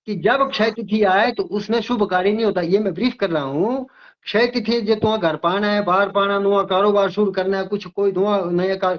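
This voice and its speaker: A man's voice: high-pitched, lo-fi sound. An older man who works as an astrologer, from Himachal Pradesh, explaining emphatically in an interview and often repeating his words. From Himachal Pradesh, India.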